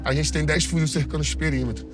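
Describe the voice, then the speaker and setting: A man's voice: a little high, steady tone. A man, his voice electronically altered to hide his identity, answering interview questions bluntly. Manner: blunt, matter-of-fact, talks fast. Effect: electronically altered voice to disguise identity. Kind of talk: casual interview. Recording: music playing under the voice.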